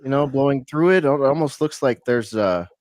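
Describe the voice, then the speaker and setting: A man's voice: medium pitch, animated, normal speed, darkish tone, no room sound, clean studio sound. A man co-hosting a live-streamed talk show, musing and reasoning aloud about a photo with many fillers.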